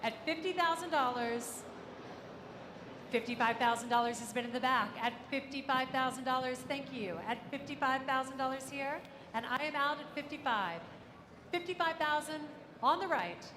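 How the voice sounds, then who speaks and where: Female auctioneer, high voice, repetitive live bid calling, big reverberant room with clear background noise. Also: moderate pace. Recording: echoey hall, ambient noise.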